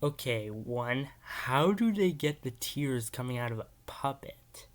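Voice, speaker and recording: A man's voice: mid-range voice, expressive, measured pace. A man hosting a casual video reaction, rambling and hesitant, with many filler words. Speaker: YouTube reaction host.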